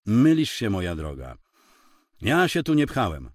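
A man voicing a sharp-tongued, defiant wife who answers with tart indignation. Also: lowish voice, huge pitch swings, a little slow, no room sound, studio quality, full character voice.

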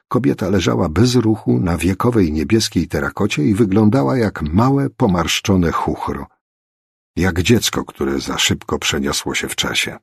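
A man narrating an audiobook in an expressive storytelling manner. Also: sits low, vocal fry, husky, dry recording, clean studio sound. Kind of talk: scripted narration.

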